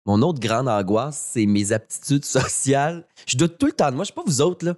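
A man's voice: medium pitch, lively intonation, brisk, a little mellow. Young Quebec man, anxious rambling. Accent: Quebec French. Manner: self-mocking, anxious rambling. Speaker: comedian guest. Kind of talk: casual podcast chat.

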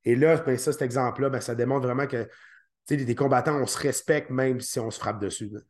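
A man with a Québécois French accent, a former fighter as a podcast guest, talking in a halting way and often repeating his words. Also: medium pitch. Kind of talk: podcast interview.

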